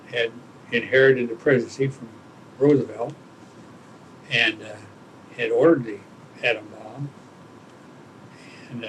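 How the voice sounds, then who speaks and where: An elderly man, a war veteran, reminiscing in an interview, haltingly searching for his words as he remembers. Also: medium pitch, fairly bright tone, a little hiss or hum, rough recording. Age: older, around 80. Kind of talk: oral history interview, reminiscing.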